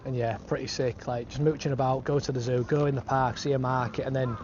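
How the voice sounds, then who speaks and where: A fast-talking British travel vlogger chats casually outdoors, moving through city streets and a park with laddish, slangy phrasing. His medium-pitched voice is a little mellow, its intonation fairly even, over dull lo-fi outdoor sound and street noise.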